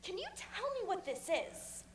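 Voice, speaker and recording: A woman's voice: extremely high pitch, sing-song, unhurried, full character voice. An officious male servant. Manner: formal and officious. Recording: echoey hall with faint noise.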